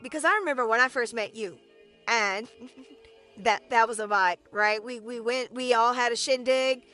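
Podcast co-host, woman, high and bright voice, chatty with many repeated words. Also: moderate pace, faint music behind. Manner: chatty, repeats words, keeps asking "right?". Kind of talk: casual chat.

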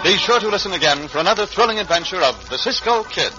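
A man's voice: sits high, lively intonation, fast. A man announcing in the scripted style of a mid-century radio adventure show. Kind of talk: 1940s-50s radio announcing. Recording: muffled old radio recording, loud music.

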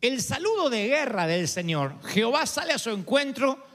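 A man preaching a sermon in an animated storytelling manner, acting out the people he quotes. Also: extremely high pitch, moderate pace, long reverb tail.

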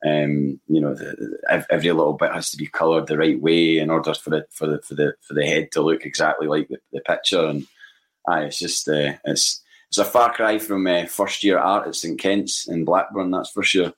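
Very deep-voiced Scottish man chatting football. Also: fairly even intonation, fairly bright tone. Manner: halting, repeats words. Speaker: podcast panellist. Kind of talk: casual football chat.

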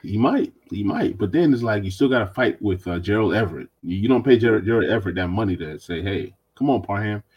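A man hosts a laid-back sports podcast. His voice is husky and sits a bit low. He talks animatedly and sometimes throws on mocking voices to quote other people. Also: animated, quick pace, hardly any pauses, dull audio. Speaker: podcast host. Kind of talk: casual sports podcast chat.

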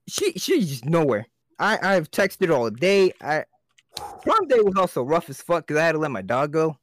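A young man rambles through a story on a casual podcast, swearing freely and breaking into laughter. His voice sits a little high and swings widely in pitch. The mic is close and dry. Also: sing-song, normal speed, fairly bright tone, dry recording. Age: young adult. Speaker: podcast co-host. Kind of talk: casual chat.

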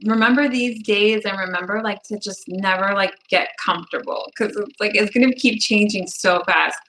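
A woman's voice: mid-range voice, normal speed, a bit bright, slight background noise, rough recording. Chatty woman host, casual interview. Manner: chatty, encouraging, frequent "like" fillers. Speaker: podcast host.

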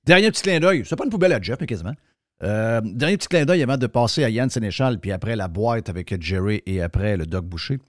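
A man's voice: lowish voice, lively intonation, fast, no echo, clean studio sound. A man with a Québécois French accent hosting a radio show, talking in a colloquial, emphatic way straight to his listeners. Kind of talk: opinionated talk radio monologue and sponsor reads.

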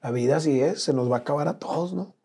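A Mexican man, a guest in an interview, tells an emotional personal story in an earnest, slangy way. His voice is on the high side, fast and slightly rough, and it drops to a hush at the painful moments.

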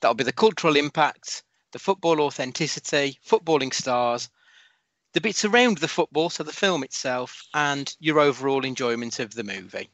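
A man's voice: medium pitch, expressive, moderate pace, a bit bright, no echo, highs cut off. A man hosting a casual football podcast, chatty and sweary, steering the discussion. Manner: chatty, sweary, moves the talk along. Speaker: podcast host. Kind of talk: casual podcast chat with scripted segments.

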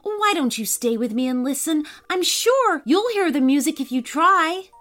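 A woman's voice: high voice, animated, moderate pace, a bit bright, soft background music, pitched above the performer's own voice. A woman voicing a cheerful, dreamy little girl who earnestly insists the stars sing. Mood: dreamy, insistent.

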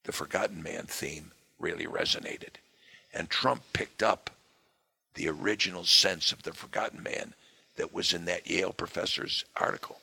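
A hoarse man speaking as a guest in a political interview, leaning hard on his key words. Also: deep voice, moderate pace, bright, forceful tone, dry recording. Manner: emphatic, punches key words.

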